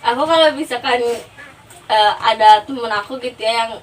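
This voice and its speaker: A woman's voice: on the high side, moderate pace. A young woman with a Sundanese-influenced Indonesian accent, chatting casually as a guest and often checking that she is understood. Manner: chatty, keeps asking "ngerti gak?". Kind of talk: casual chat. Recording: distant mic, faint background noise.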